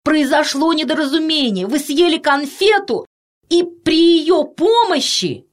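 A woman's voice: high voice, animated, unhurried, voice pushed up. A woman doing a desperate children's doctor. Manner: shouting, pleading.

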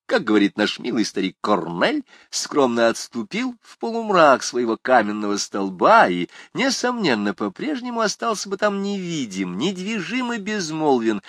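A man narrating a literary novel with a dramatic, expressive delivery. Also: medium pitch, no echo, studio quality. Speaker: audiobook narrator.

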